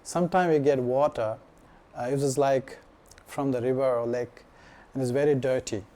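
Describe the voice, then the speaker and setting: A man from Nepal, giving a casual personal testimony at a devotional gathering in a relaxed, halting way full of 'you know' fillers. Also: medium pitch. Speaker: devotee sharing his practice at a gathering.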